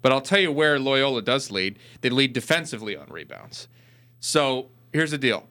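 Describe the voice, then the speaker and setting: Bright, crisp-voiced man breaking down stats. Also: mid-range voice, very animated, normal speed. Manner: rattles off stats and corrects himself mid-sentence. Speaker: podcast co-host. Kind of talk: casual sports talk.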